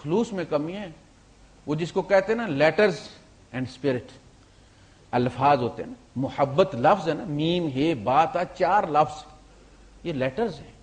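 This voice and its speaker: A man preaching a storytelling sermon, swinging between loud emphasis and quiet asides, with English words mixed into his talk. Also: a little high, expressive. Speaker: Islamic preacher.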